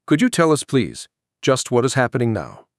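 A man's voice: medium pitch, wildly swooping pitch, normal speed, no echo, studio quality. A man reading the part of a courteous male senator who speaks in a formal, speechmaking way in an audiobook. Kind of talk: audiobook character voice.

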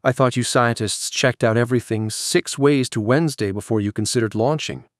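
A man's voice: mid-range voice, fairly quick, no echo, clean studio sound, lightly acted. A man voicing a nasal, whiny female senator. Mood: skeptical. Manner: skeptical, cutting, condescending. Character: female senator, critical and condescending. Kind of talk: audiobook character voice.

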